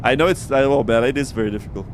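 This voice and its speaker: A man's voice: mid-range voice, racing, slight background noise, rough recording. A man hosting a casual flight simulator livestream, talking informally and often repeating his words. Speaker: livestream host.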